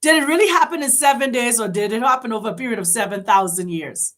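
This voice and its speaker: A woman's voice: on the high side, lively intonation, quick pace, fairly bright tone. A woman hosting, giving an impassioned spiritual address full of rhetorical questions and urgent appeals to her listeners. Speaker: host.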